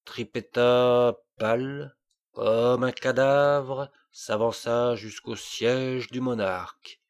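A man reading a classic tale aloud as audiobook narration, measured and deliberate. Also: mid-range voice, fairly even intonation. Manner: slow, measured storytelling. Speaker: audiobook reader.

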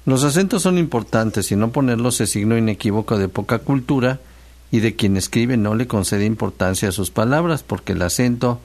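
A man's voice: fairly low pitch, creaky, a little mellow. A man with a Mexican accent hosting a radio show, chatting casually and joking as he explains a spelling rule.

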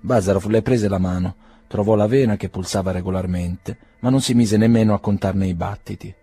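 A man reading a novel aloud in calm, measured narration. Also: lowish voice, husky, no room sound. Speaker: audiobook reader. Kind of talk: scripted narration.

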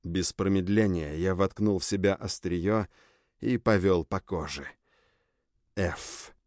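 A man narrating a dark audiobook in the first person, expressive and intense. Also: deep voice, takes it slowly, no echo, studio quality.

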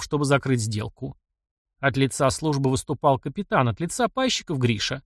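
This is scripted narration from an expressive male audiobook narrator. His voice sits at medium pitch, and the recording is dry, with clean studio sound.

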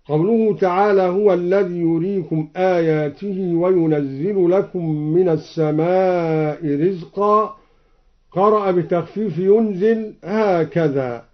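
A man with an Egyptian accent teaching Quran recitation, explaining each reading and then chanting it slowly. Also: sits high. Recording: dull old radio broadcast.

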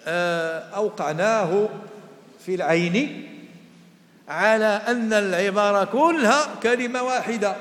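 Moroccan male lecturer, high voice, patient and repetitive, recorded in a reverberant hall. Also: a bit bright. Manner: explanatory, repeats key phrases, recites verse. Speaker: Islamic jurisprudence lecturer. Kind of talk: classroom lecture.

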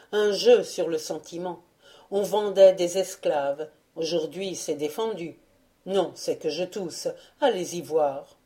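A woman reading memoirs aloud as a volunteer audiobook reader, in a measured, wry way. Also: lowish voice, mellow.

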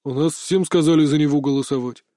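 Male reader as scared young cop begging for his life, tearful, a bit higher. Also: fairly even intonation, fast, warm tone, dry recording, clean studio sound, close to an everyday voice. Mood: pleading. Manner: pleading, tearful. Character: frightened young male police sergeant, pleading.

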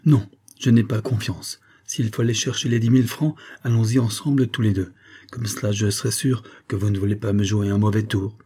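A man's voice: lowish voice, steady tone, a little fast, dark tone, husky. A man voicing a greedy, blunt national guardsman who haggles hard, in an audiobook reading. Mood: distrustful.

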